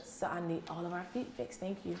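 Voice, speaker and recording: A woman teacher with a lowish, gravelly, somewhat dark voice talks fairly quickly while running an interactive read-aloud for young children indoors. She encourages and praises, repeating simple questions and instructions. The classroom audio is echoey with faint background noise.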